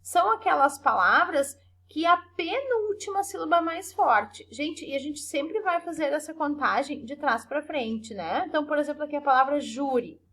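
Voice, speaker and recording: High-voiced patient woman teacher. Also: animated, fairly bright tone. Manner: patient, slow syllable-stressing explanations with frequent tag questions. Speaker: primary school teacher. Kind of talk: recorded remote class for children.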